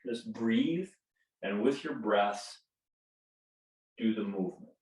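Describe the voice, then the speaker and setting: Guiding a yoga class, a self-deprecating man in his fifties stretches out his cues and laughs at his own jokes. His fairly low voice is expressive, slow, and darkish in tone. He speaks from far from the microphone, with a roomy echo.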